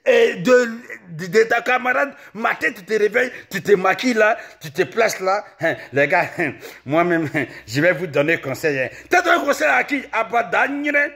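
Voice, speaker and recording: A man, ranting in a comic vlog, repeating himself and often shouting. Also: sits high, moderate pace, creaky, hardly any pauses. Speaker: comic vlogger. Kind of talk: comic rant to camera.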